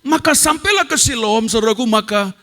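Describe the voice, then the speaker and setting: A man's voice: very high-pitched, expressive, fairly quick, a bit bright. A man giving a sermon testimony in a church, telling an emotional story and often calling out to the congregation. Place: large church hall. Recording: echoey church hall.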